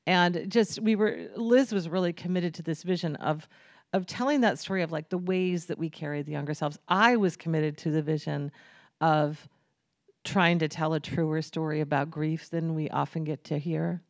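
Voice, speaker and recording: A woman's voice: low-pitched, normal speed, no echo, clean studio sound. A woman author speaking earnestly and thoughtfully in a conversational interview.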